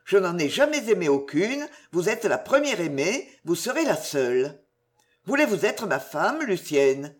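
A woman voicing an earnest young man in love in an audiobook, speaking gravely and tenderly. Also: on the low side, sing-song, a little slow. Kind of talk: audiobook character reading.

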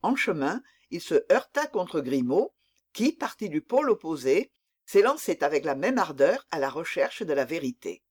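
A narrator giving a steady, expressive scripted reading of a classic novel. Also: mid-range voice, moderate pace, slightly rough.

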